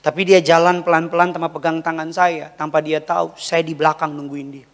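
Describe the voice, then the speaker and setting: A male pastor preaching a Sunday sermon, telling family stories in a lively way. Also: on the high side, fairly quick. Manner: lively storytelling with family anecdotes. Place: large church hall, Sunday service. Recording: long church-hall reverb.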